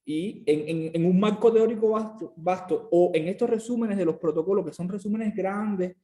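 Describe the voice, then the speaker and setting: A man's voice: high-pitched, normal speed, mellow. A man, a student presenter in a classroom discussion, speaking earnestly and often restarting his phrases.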